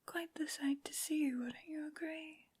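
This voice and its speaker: A woman voicing a haughty, menacing aristocratic vampire lady in a breathy, whispered ASMR roleplay, with slow, condescending phrasing. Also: high-pitched, fairly even intonation, a little mellow. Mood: gloating menace. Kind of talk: soft-spoken ASMR villain roleplay.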